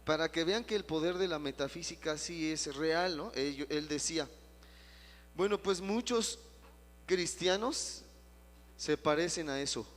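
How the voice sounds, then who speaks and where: A man's voice: a little high, unhurried. A male pastor teaching a Bible study, telling stories with emphatic repetition. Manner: animated storytelling with emphatic repetition. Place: church auditorium. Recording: long reverb in a hall.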